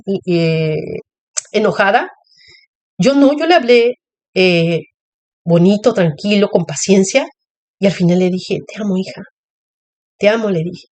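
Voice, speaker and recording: Woman preacher, earnest testimony style, mid pitch, repetitive, direct address. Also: a little mellow. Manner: earnest, repetitive, speaks directly to listeners as "usted". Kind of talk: sermon with personal testimony.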